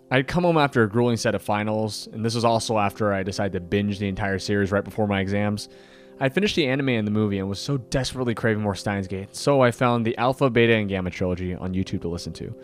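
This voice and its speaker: A fast-talking man with a voice on the low side hosts a scripted commentary video. An anime fan, he delivers lines with enthusiasm and dramatic emphasis, backed by music.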